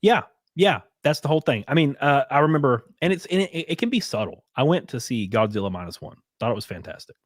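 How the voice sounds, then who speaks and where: A man's voice: mid-range voice, lively intonation, fast talker, no echo, studio quality. A man hosting a casual podcast chat, rambling and ranting with lots of filler words. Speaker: host.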